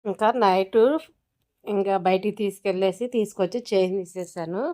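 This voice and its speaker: A woman's voice: medium pitch, little pitch movement, normal speed, warm tone. A woman, chatting through a casual vlog about her pet. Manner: chatty, explanatory. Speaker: vlogger, pet owner.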